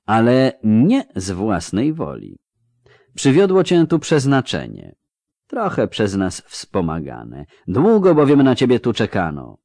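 An ancient elf sage, read by a male storyteller in a spoken fantasy tale, low-pitched and aloof. He talks slowly and quietly, every word measured, with a dry close sound. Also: huge pitch swings, dry recording, full character voice. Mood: calm. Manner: slow, quiet, measured speech.

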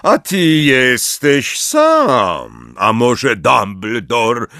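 A man's voice: medium pitch, wildly swooping pitch, drawn-out words, bright, forceful tone, no room sound, studio quality, full character voice. A man voicing a cold, sneering aristocratic wizard who drawls mockingly.

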